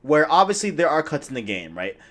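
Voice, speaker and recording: A man's voice: on the high side, sing-song, fairly quick. A man co-hosting a casual gaming podcast, talking animatedly in long runs full of "like" and "right?". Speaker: podcast co-host.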